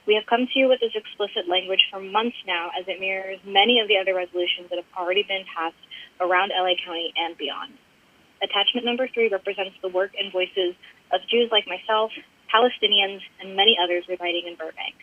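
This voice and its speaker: A woman calling in by phone to a city council meeting, reading a firm, earnest prepared public comment. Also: mid-range voice. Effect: heard over a phone line. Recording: muffled phone-line audio.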